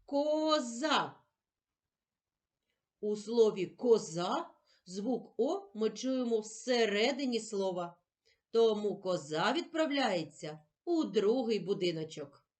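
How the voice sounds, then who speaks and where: A woman teaching a children's reading lesson, drawing out sounds and syllables in a clear, sing-song way. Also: mid-range voice, lively intonation, slow, darkish tone. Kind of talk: slow, clearly articulated literacy lesson for children.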